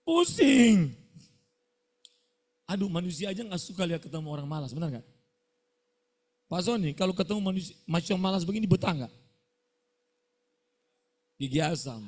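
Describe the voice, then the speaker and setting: A man's voice: fairly high pitch, fairly quick, pauses often, a little mellow. A middle-aged male pastor, preaching a scolding sermon to students and firing call-and-response questions at them.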